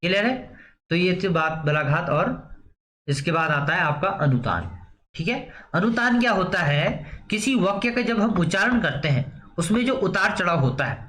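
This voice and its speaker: A man's voice: high-pitched, expressive, normal speed, a bit bright. A man teaching an exam-prep grammar lesson. He asks questions and answers them himself, with a frequent "theek hai" to check in. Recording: roomy echo, faint background noise.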